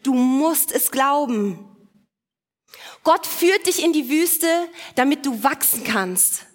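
A woman delivers a sermon in a high voice, pressing each point with repetition and emphasis. Her words ring out with a long hall reverb behind them, as in a church sanctuary. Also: animated, slow. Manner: emphatic preaching with repeated phrases and occasional restarts. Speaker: preacher.

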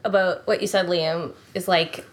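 A woman's voice: lowish voice, fairly even intonation, normal speed, noisy background. A woman on a casual panel chat making an earnest, emphatic point, with many "like"s. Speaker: panel guest.

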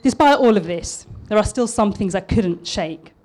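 Lively intonation marks this mid-range, slightly mellow voice at normal speed. The speaker, a woman in her thirties from East London who is an architect with a polished southern English accent, delivers a prepared public talk earnestly, a little nervously, with small restarts.

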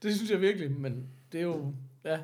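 A man's voice: a little high, expressive, a little mellow. A man co-hosting a podcast, talking in a casual, opinionated way and slipping into mock voices to quote people. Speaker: podcast co-host. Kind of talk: casual chat.

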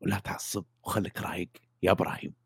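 Gruff older man, put on by a man, gravelly, husky, dry sound, quick. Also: sits low, flat delivery, no room sound, voice pushed down, exaggerated voice. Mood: teasing.

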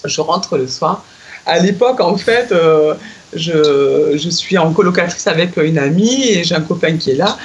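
A middle-aged woman recounting a memory in a relaxed conversation. She gets excitable, laughs easily and leaps up in pitch when she acts out what people said. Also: unhurried, lo-fi sound, a little hiss or hum. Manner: excitable, laughs often, lively acted-out quotes. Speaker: guest telling a personal story. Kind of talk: casual storytelling chat.

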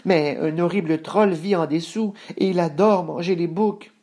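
A man voicing the middle billy goat brother, calm, assured and persuasive. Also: sits high, moderate pace, voice pushed up. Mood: warning.

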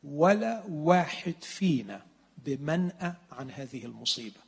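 A pastor with an Egyptian Arabic accent who preaches earnestly and with slow emphasis, sometimes dropping to a whisper. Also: male voice, on the high side, very animated, gravelly, slightly rough. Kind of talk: sermon. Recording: long hall reverb.

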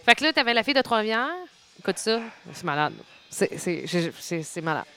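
A man's voice: sits high, sing-song, fairly quick, sharp tone, clean tone. A man with a Quebec French accent, co-hosting a casual chat, rambling and often searching for words.

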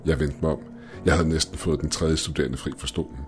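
A man narrating a first-person horror story in a steady, measured way, with faint music behind. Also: a bass voice.

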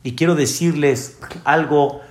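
Slow, fairly high rabbi preaching to his congregation, echoey room. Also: fairly even intonation. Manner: slow, explaining, addresses listeners directly. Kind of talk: sermon.

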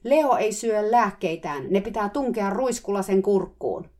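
A woman voicing a quick-tempered female horse owner who shrieks and answers curtly. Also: mid-range voice, lively intonation, mellow, voice pushed up, lightly acted. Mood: shrieking. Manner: shrieking, curt.

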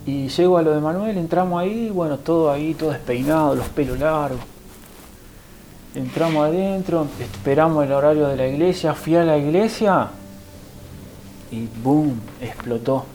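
Rioplatense guy telling his conversion testimony, mellow voice, really emotional storytelling, faint music behind. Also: on the high side, measured pace, pauses often, rough recording. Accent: Rioplatense Spanish. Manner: emotional storytelling, acts out what others said. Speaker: guest giving a testimony.

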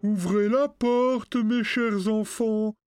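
A man voicing a sly, hungry male wolf who speaks slowly and sweetly to trick young goats. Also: sits high, fairly even intonation, loud music behind the voice, pitched above the performer's own voice. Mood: coaxing. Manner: slow, sweetly coaxing and menacing.

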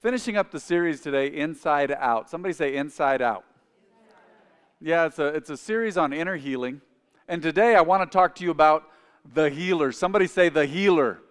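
Pastor preaching in a reverberant hall. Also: male voice, a little high, fairly quick, clean tone. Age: 40s. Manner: calls on the congregation to repeat phrases. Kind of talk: sermon. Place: church sanctuary. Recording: long reverb of a large hall.

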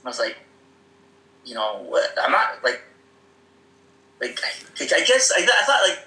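Unhurried and sing-song, a medium-pitched man with a sharp tone, a guest from the Seattle area, rambles through conversational stories of growing up, heavy on fillers and laughs and voicing the people he quotes. It's a low-quality recording in an echoey room.

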